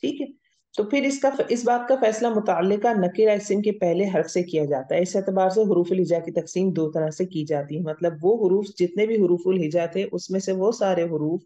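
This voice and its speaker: Woman teaching Arabic grammar, low mellow voice. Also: a little fast. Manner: explains step by step, checks understanding with "theek hai?". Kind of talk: recorded classroom lecture. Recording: dull lo-fi audio.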